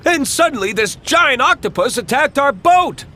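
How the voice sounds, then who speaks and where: A man's voice: very high-pitched, sing-song, moderate pace, sharp tone, a little hiss or hum, voice pushed up, full character voice. An audiobook narrator voicing a boastful grown fisherman who tells his story dramatically. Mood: dramatic indignant.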